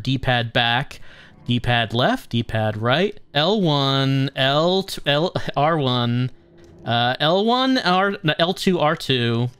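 A man's voice: mid-range voice, a bit bright, clear, resonant tone, dry recording. A man hosting a gaming video, chatting casually and musing as he plays. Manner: musing, conversational. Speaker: gaming channel host. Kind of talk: casual game commentary.

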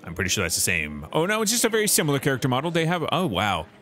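Animated male streamer thinking aloud. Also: mid-range voice, rapid-fire, soft background music. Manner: thinking aloud, frequent restarts and fillers. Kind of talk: live game commentary.

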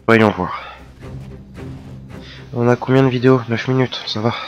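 A man giving casual, chatty commentary over his own gameplay, excitable and quick to mock himself. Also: medium pitch, lo-fi sound, faint music behind. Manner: chatty, self-mocking, excitable. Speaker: let's play gamer.

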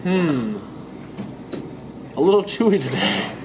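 A man's voice: fairly high pitch, sing-song, takes it slowly, background noise. Young man chewing while he talks. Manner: laid-back, dry offhand remarks. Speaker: food review co-host. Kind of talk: casual food review chat. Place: outdoors.

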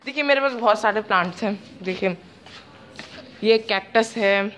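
A woman's voice: mid-range voice, moderate pace, fairly bright tone, slight background noise. A woman vlogging from her home garden, chatty and talking straight to her viewers, often breaking into giggles. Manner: giggly, keeps laughing while talking; chatty, addresses viewers directly. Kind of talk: casual home vlog, showing plants. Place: home garden with potted plants.

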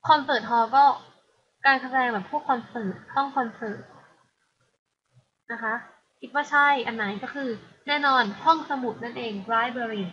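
A woman's voice: a little high, normal speed, long pauses, bright, forceful tone, a little hiss or hum. Young female tutor, patient exam-prep explainer, lo-fi online lesson sound. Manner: explains patiently, translating English words into Thai.

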